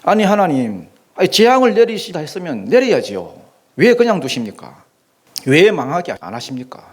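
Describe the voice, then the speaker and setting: Pastor acting out a resentful prophet, complaining, rising lively pitch, somewhat high voice. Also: male voice, brisk. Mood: indignant. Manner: complaining, aggrieved. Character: indignant prophet Jonah, resentful grown man. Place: church.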